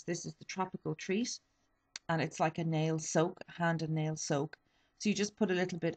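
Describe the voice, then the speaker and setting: Low and marked by vocal fry, this woman's voice belongs to a beauty vlogger in her twenties. Slightly sniffly, she casually reviews products from a beauty haul, stumbling through ums and correcting herself often.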